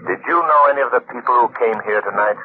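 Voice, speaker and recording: An actor playing a menacing invisible crime-fighter, commanding and taunting, in theatrical 1940s radio style. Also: male voice, mid-range voice, fast, phone-quality sound, natural voice. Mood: accusing, commanding. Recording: thin, noisy vintage radio recording.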